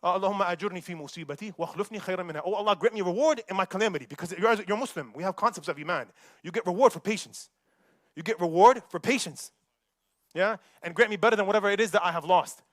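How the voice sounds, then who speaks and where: Guy preaching a mosque sermon, rattles along super fast, slightly high voice, dry close mic. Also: dry recording. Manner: animated, quick, mixes Arabic recitation with casual street talk. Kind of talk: khutbah sermon.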